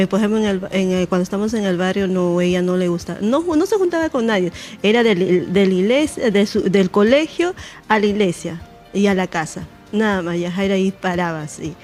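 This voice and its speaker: A woman's voice: mid-range voice, darkish tone. A woman who is a guest on an interview show, hesitantly recalling family memories. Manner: hesitant, with fillers and restarts.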